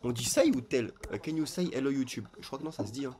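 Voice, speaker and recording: A man streaming online casino games, chatting straight to his viewers in an excitable, casual way. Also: mid-range voice, quick pace. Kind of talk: casual gambling commentary.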